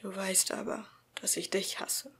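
A woman voicing a troubled teenage boy who bullies others, reading an amateur audiobook slowly and breathily. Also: mid-range voice, little pitch movement, a bit bright, slightly rough, in a whisper, exaggerated voice. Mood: quiet.

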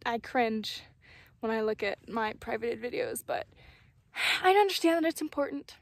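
Recorded on a phone first held at arm's length and then propped on the ground, a twenty-year-old woman vlogs in a dry mountain meadow, her fairly high voice carrying no room sound. She muses aloud in a casual, reflective ramble, self-mocking and swearing frequently.

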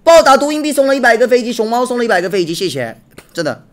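A young man streaming live, chatting casually while watching a match and thanking viewers for gifts, repeating himself when excited. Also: extremely high pitch, very fast. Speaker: game streamer.

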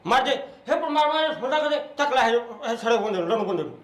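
Mocking village relative, played by a man, high and rapid. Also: lively intonation, slight background noise. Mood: jeering. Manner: rapid jeering taunts.

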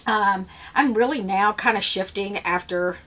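Working in a seed-starting shed lined with grow shelves, a Louisiana woman in her fifties who farms flowers looks after her seedling trays and talks casually to the camera. She has an unhurried, mid-range, slightly bright voice, and her talk wanders, full of fillers and fresh starts.

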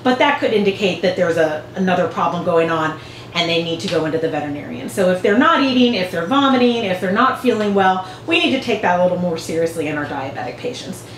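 A veterinarian in her forties talks fast in a fairly low, animated voice, patiently walking through a procedure step by step with hand gestures in a clinic exam room. It's an instructional demonstration, picked up by a camera across the room in an echoey space with a faint hum.

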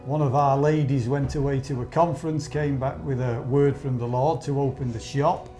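A man's voice: medium pitch, steady tone, moderate pace, mellow, soft background music. A man, a church leader, speaking earnestly in a documentary interview.

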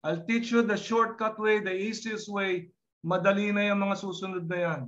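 A man with a Filipino accent teaching a class online, slowly repeating each word and drilling its pronunciation. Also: high-pitched, steady tone, fairly bright tone, lo-fi sound. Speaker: Hebrew teacher. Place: online video call class.

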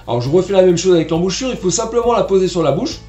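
A man's voice: high voice, animated, rapid-fire, mellow, roomy sound, soft background music. A man teaching trumpet online, explaining tonguing patiently and sounding out syllables as he goes. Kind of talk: online music lesson.

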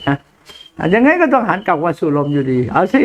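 A man's voice: sits high, very animated, a little fast, muffled recording, a little hiss or hum. An older man, a Buddhist monk, giving a blunt, earthy dharma talk to a follower, laughing often. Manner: blunt, crude familiar speech, frequent laughter.

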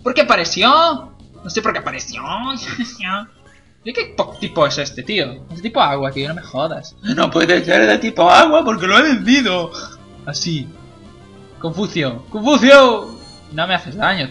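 A young man with a high, bright, forceful voice does casual let's play commentary on a video game. He jokes around, swears a lot, and laughs at his own gags.

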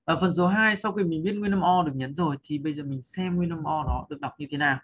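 A man's voice: on the high side, fast talker, highs cut off. A man teaching English pronunciation in a patient spoken lesson, often checking in with his listeners and drawing out model sounds for them to repeat. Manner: draws out and lifts model sounds for learners. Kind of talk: spoken lesson explaining over slides.

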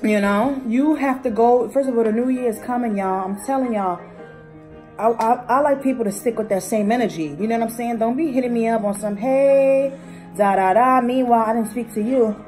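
A woman's voice: fairly high pitch, fast talker, mellow, faint music behind. A young adult woman chatting casually and slangily to her viewers in a mukbang vlog, talking while she eats. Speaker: vlogger. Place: small room at home. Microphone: phone at arm's length.

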